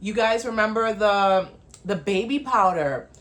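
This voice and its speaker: A woman from the Bahamas, hosting her own show and talking casually, chatty and laughing, with quick asides. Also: mid-range voice, fairly bright tone. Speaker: host. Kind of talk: casual talk-show monologue.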